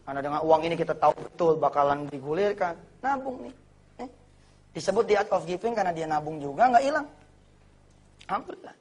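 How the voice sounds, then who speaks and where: A high-voiced man delivers a lively sermon. He jokes, slips into street slang and acts out little quoted exchanges as he talks. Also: fast talker. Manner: animated, jokey, mixes in slang and acted quotes. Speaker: preacher. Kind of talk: lively sermon to a live audience.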